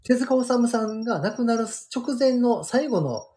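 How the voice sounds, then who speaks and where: A man's voice: very high-pitched, measured pace. A middle-aged man with a Kansai Japanese accent, a guest manga artist telling stories in a casual radio chat, full of fillers and restarts. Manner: animated storyteller, many fillers.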